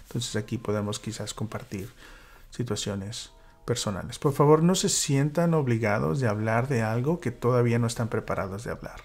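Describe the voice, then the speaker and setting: A man's voice: mid-range voice, moderate pace. Man teaching a church Bible study. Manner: reflective, with many fillers and soft whispered asides. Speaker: small-group Bible study leader.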